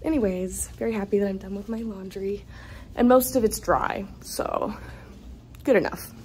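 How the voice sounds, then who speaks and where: A woman's voice: medium pitch, normal speed, a little mellow, a little hiss or hum, poor audio. A young woman in casual vlog narration, chatty and rambling, sounding tired and out of breath while filming herself around her dorm on a phone. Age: young adult. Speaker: vlogger. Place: dorm stairwell and rooms.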